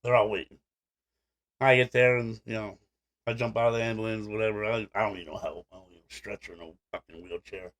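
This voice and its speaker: A man's voice: lowish voice, steady tone, a little fast, a bit bright. Blunt, profane man telling a rambling story. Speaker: podcast co-host. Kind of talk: casual storytelling chat.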